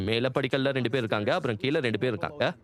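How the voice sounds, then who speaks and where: A man's voice: mid-range voice, racing, fairly bright tone, close to an everyday voice. A man playing an urgent, exasperated agent partner in a dubbed action film. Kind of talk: dubbed movie dialogue.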